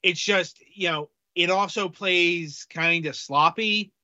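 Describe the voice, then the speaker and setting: A man co-hosting a casual game-review podcast, talking haltingly with many fillers. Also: high-pitched, sharp tone, dry recording, highs cut off. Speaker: podcast co-host reviewing games.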